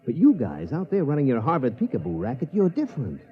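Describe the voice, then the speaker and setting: In a 1950s radio drama, an actor plays a streetwise casino tout who wheedles in slang, all conspiratorial tough talk. His voice is mid-range with wildly swooping pitch and a quick pace, heard through a muffled vintage radio recording.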